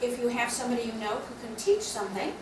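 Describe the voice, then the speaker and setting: Quick-paced and expressive, with a slightly high voice, a woman officer explains the guild's upcoming class plans in practical terms. It's club meeting announcements in a meeting room, picked up by a distant mic in an echoey, noisy space.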